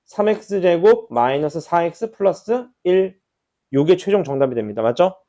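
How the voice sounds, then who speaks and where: A man's voice: high voice, expressive, normal speed, mellow. A man teaching a math class at the board, who keeps checking in with rhetorical questions and repeats key words for emphasis. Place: classroom at a whiteboard.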